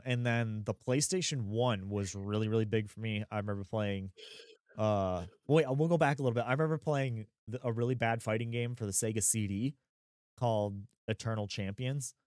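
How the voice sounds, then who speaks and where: A man's voice: on the low side, a little mellow, dry recording, studio quality. A man in his thirties co-hosting a gaming podcast, chatting casually with rambling asides, fillers and laughs. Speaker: podcast co-host. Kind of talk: casual chat.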